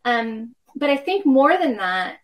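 A woman's voice: sits high, big pitch swings, slow, rough recording. Woman in her 50s, guest on a podcast, reflective, tells little stories to explain stuff. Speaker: guest, worship professor. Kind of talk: conversational podcast interview.

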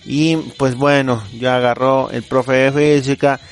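A Mexican man hosts a relaxed joke-telling podcast for his students. His voice sits at an ordinary middle pitch, and his delivery is playful and loose, full of slang and little chuckles. Faint music plays underneath him. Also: a little slow. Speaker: teacher and podcast host.

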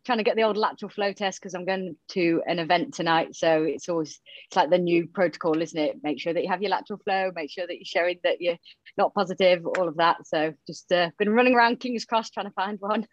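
Her voice is lowish and a little fast, captured in a dry but dull, muffled recording. She's a woman from Romania with a Yorkshire accent, guesting on a podcast and talking in a chatty, open way with many fillers during a relaxed interview.

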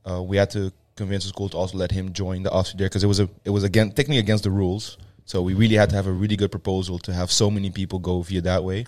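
Man, young adult, low voice, dry close sound, casual swearing storyteller. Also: level tone, rapid-fire, few pauses, darkish tone, dry recording. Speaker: gym co-founder. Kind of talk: casual podcast chat.

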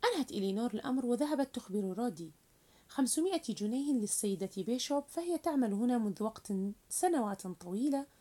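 Animated woman retelling a novel. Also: fairly high pitch, fast talker. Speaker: narrator.

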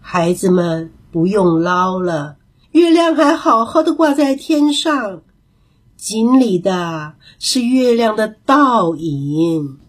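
Old monkey grandpa, slow and calm, breathy storybook voice, put on by a woman. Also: medium pitch. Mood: soothing. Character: old male monkey elder, calm and wise.

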